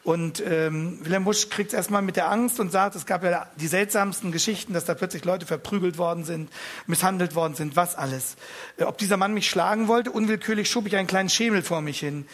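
A man with a high voice for his sex retells a story at an easy pace. He hesitates often and slips between his own narration and reading in the first person. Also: fairly quick, a bit bright.

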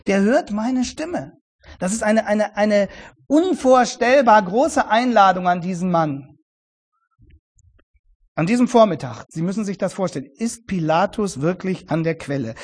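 A man preaching a sermon in an earnest, emphatic way, often repeating words for stress and shifting between quiet and loud. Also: sits high.

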